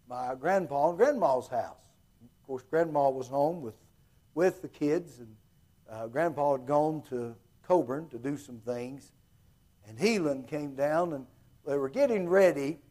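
A man with an Appalachian accent preaching in a folksy storytelling style, halting and circling back to repeat his phrases. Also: on the high side, warm tone. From Appalachia, southwest Virginia.

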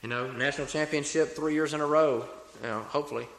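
A man's voice: on the high side, fairly even intonation, fast, gravelly, fairly bright tone. A young man with an Alabama Southern accent preaches a sermon in an earnest, folksy manner, repeating phrases for emphasis. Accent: Alabama Southern American. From Alabama, United States. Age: young adult. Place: reverberant room, preaching to a congregation. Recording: echoey hall with long reverb.

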